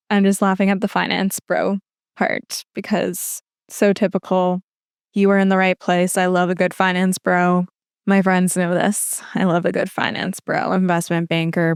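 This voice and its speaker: A woman with an exceptionally smooth, clear voice gives casual advice on her podcast. She talks in a chatty, relaxed way, peppered with "like." The sound is dry and close. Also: on the low side, measured pace, dry recording. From lives in Toronto. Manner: chatty, filler-heavy with frequent "like". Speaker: podcast host answering listener questions.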